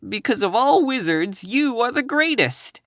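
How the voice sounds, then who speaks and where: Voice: mid-range voice, big pitch swings, a little slow, a bit bright, no room sound, clean studio sound, voice pushed up. A reader voicing a cowardly male lion who pleads earnestly in a raised voice. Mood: pleading.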